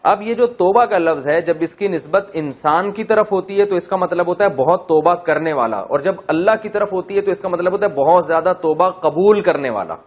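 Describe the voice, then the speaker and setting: A man teaching Quran grammar in a class, explaining step by step, asking and answering his own questions, and chanting verses slowly. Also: fairly high pitch. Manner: chanted slow Arabic verse recitation. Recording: dull lo-fi recording.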